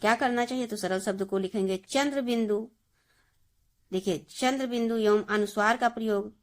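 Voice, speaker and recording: A woman's voice: on the high side, normal speed. A woman Hindi teacher giving a grammar lesson, explaining step by step and repeating each word for her students. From India.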